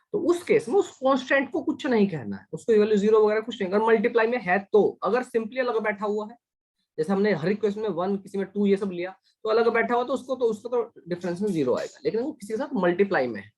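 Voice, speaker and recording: Male teacher, husky voice, coaxing tone, running an online lesson with quick questions to the class. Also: high-pitched. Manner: coaxing, quizzes students, asks for hands.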